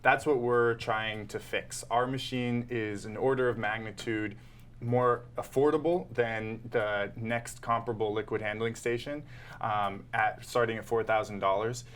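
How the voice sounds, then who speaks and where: A man appearing as a guest on a live web show, calmly explaining his company's product in an explanatory pitch. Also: a little slow, slight background noise. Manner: composed, explanatory pitch delivery. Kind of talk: explaining to an interviewer.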